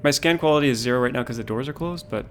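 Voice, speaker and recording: His voice stays low-key and calm as he streams a game live, musing aloud at an easy pace in a casual way. Music plays faintly in the background.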